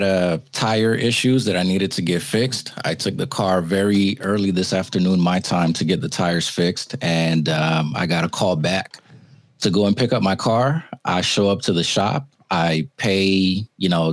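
A man from the USA, a guest on a podcast, speaking in a calm, measured way with what others call a radio voice. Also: sits low, dry recording. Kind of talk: casual podcast conversation.

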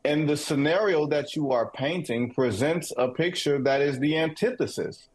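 Dry, guarded Detroit sports co-host. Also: male voice, on the high side, normal speed. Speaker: podcast co-host. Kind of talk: casual sports talk.

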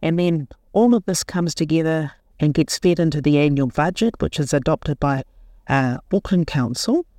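A New woman around sixty, a local board chair, speaking in a radio interview in an earnest, unhurried way and pausing to find her words. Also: low voice, mellow, dry recording. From New Zealand.

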